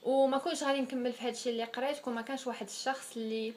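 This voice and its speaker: A young Moroccan woman in her twenties chats through a casual Q&A vlog. Her voice sits high, and she mixes French words into her talk. She moves along at a quick clip. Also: fairly even intonation, a little mellow, a little hiss or hum. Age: 20s. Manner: chatty, sprinkles French words. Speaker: vlogger.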